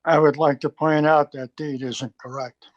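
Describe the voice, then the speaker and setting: A man's voice: on the high side, little pitch movement, normal speed, no echo, lo-fi sound. A man on a video call, a zoning board member who points out problems bluntly and matter-of-factly. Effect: heard over a video call. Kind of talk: meeting discussion.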